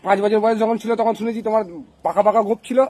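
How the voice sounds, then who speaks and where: Fast, high-voiced man needling with questions. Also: little pitch movement, mellow. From Bengal. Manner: needling, repeats the same question. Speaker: prank interviewer. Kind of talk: teasing comedic questioning.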